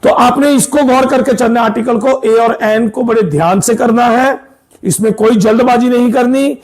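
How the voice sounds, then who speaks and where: A man's voice: very high voice, normal speed. A man teaching English grammar to school students, explaining patiently, repeating points and often checking that they follow. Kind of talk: classroom grammar lesson.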